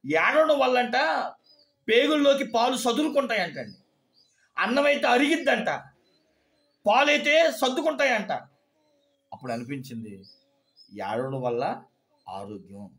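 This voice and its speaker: High-voiced male pastor preaching. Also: animated, unhurried, pauses often, a bit bright. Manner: storytelling, asking the congregation questions. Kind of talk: sermon.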